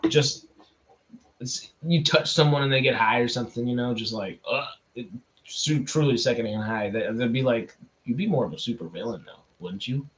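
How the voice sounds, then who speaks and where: A man from Texas hosting a casual livestream, rambling to viewers in halting, repetitive phrases and easily amused. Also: medium pitch. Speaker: livestream host. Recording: dull, lo-fi microphone sound.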